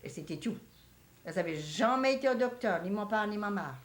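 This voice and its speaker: A woman's voice: medium pitch, lively intonation, a little fast, slight background noise. Older woman with Cajun French accent. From Louisiana, USA. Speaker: interviewee in family group. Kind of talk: casual oral-history conversation.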